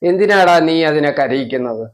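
A man voicing a mother who scolds her older son and gently coaxes her crying child. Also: on the high side, expressive, normal speed, close to an everyday voice. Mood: coaxing. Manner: scolding yet coaxing, patient questioning. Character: mother, firm but coaxing.

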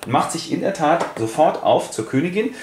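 A man casually retelling a classic play, chatty and colloquial, quickly acting out each figure. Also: on the high side, lively intonation, darkish tone. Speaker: host. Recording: echoey room, faint hiss.

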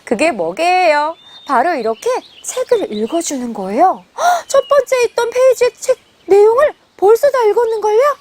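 A woman's voice: extremely high pitch, normal speed, hardly any pauses, noisy background. A woman teacher reading a picture book aloud and explaining it, often asking her listeners questions. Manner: animated, asks listeners questions.

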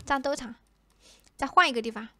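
A young woman hosting a gaming channel, commenting excitedly on her play with dramatic whining, fake crying and playful chanting. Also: high-pitched, a little fast, dry recording.

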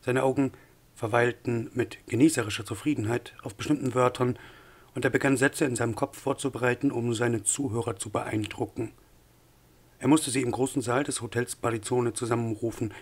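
A man reading an audiobook in a measured, even narration with a husky voice. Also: mid-range voice. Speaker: audiobook reader.

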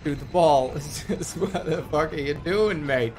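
A man's voice: fairly high pitch, unhurried, darkish tone, faint music behind. A man in his thirties giving exasperated live gameplay commentary, often repeating short phrases and swearing. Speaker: video game streamer.

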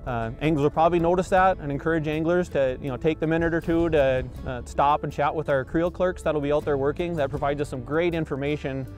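Over soft background music, a man in his forties who works as a fisheries biologist explains things earnestly in an outdoor riverside interview. His slightly high, darkish voice stays steady and fairly quick with few pauses, though he often uses fillers and restarts.

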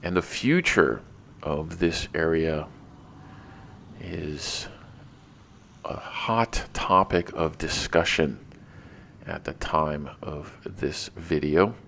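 Deep-voiced man narrating a walking tour. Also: very slow, vocal fry, pauses often, slight background noise. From not from the local area. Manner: relaxed, chatty guide with small restarts.

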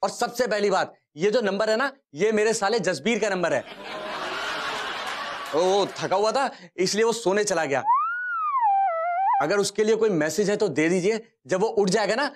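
A man's voice: high voice, normal speed, long pauses, heavy background noise, natural voice. An actor in his twenties with an Indian accent playing a sly, scheming young husband in a TV sitcom. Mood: evasive. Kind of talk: TV sitcom acting.

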